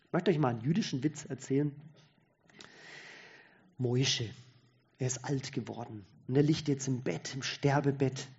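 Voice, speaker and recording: A man's voice: medium pitch, normal speed, gravelly, pauses often, darkish tone, husky, highs cut off. A man giving a conversational sermon-style talk, thinking aloud with restarts.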